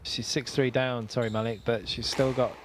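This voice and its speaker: A man's voice: mid-range voice, little pitch movement, normal speed, a little hiss or hum. A man giving live squash commentary in a chatty, conversational way, laughing easily with his co-host.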